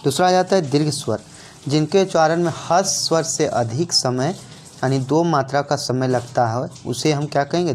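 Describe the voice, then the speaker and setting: पुरुष शिक्षक, झारखंड लहजे वाली Hindi. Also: male voice, mid-range voice, a little mellow, a little hiss or hum. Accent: Jharkhand Hindi. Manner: repeats points, asks and answers his own questions. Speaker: teacher. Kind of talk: exam-prep grammar lesson.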